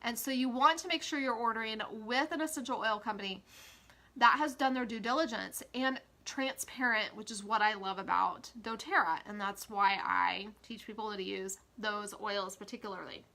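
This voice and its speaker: A woman's voice: mid-range voice, moderate pace, vocal fry, sharp tone. A woman with a stuffy, congested voice chatting casually as an essential oil educator, with frequent fillers. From Kansas, USA. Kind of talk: casual social media live talk.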